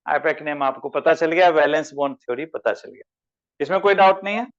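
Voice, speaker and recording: A man's voice: a little high, a little fast, muffled recording. A male chemistry teacher giving an online class lecture, calling students by name and asking them questions. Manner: addresses students as beta, asks them questions.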